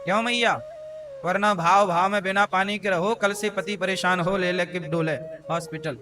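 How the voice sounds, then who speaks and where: High-voiced Hindi preacher over music. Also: male voice, steady tone, moderate pace. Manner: folksy, questions the crowd directly. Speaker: spiritual preacher. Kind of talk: devotional discourse to a live audience. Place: large devotional gathering.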